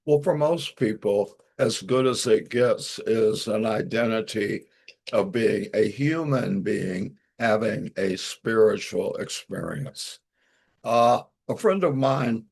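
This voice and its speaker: A man's voice: lowish voice, gravelly, husky. A man preaching a sermon as pastor, telling a story and acting out what a friend said to him.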